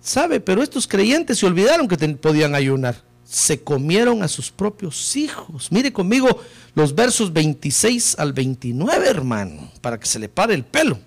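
Male preacher, high and very animated voice, fiery sermon delivery that swings from hushed to shouting. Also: normal speed. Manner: impassioned preaching, swings from low murmurs to shouted peaks; keeps addressing listeners as "hermano". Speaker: pastor.

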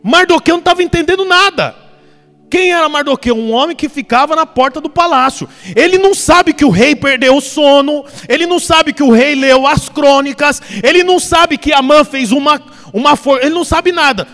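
A man's voice: extremely high pitch, normal speed. A man preaching a sermon, retelling a story animatedly and acting out the characters. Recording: long reverb, soft music behind.

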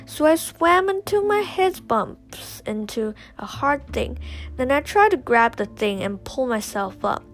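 Brief: woman storyteller, slow and unhurried, slightly high, slips into whispers. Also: fairly bright tone. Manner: slow, often dropping to a whisper. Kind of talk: first-person story reading.

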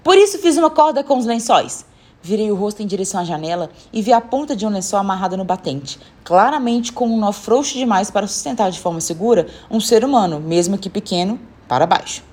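A woman reads a first-person story aloud in a husky, breathy voice at a middle pitch. Her narration runs steadily between scenes of dialogue. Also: fast talker, few pauses, a little mellow.

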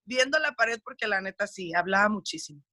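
Una mujer criada en Estados Unidos con acento mexicano muy marcado, conversando en una entrevista de forma expresiva y franca, mezclando algunas palabras en inglés. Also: female voice, medium pitch, fairly quick, no room sound. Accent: Mexican Spanish. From United States. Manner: expressive and talkative, mixing in English words; candid, speaks of her faith. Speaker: guest. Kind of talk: casual interview chat.

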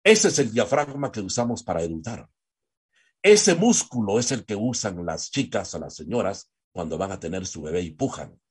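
Husky, lively male voice coach. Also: lowish voice, moderate pace. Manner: animated, demonstrative, with sung-out vowels. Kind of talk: lecture on voice technique.

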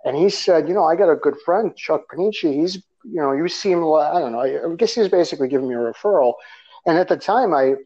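With a warm, rather high voice, lively intonation and a fast pace, the Russian guest author rambles about his past in an interview-style conversation, laughing a little and using fillers. The lo-fi recording sounds slightly dull.

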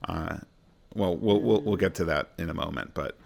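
A man's voice: deep voice, moderate pace, creaky, darkish tone. A man co-hosting a fantasy football podcast in casual chat, rambling and laughing at his own jokes.

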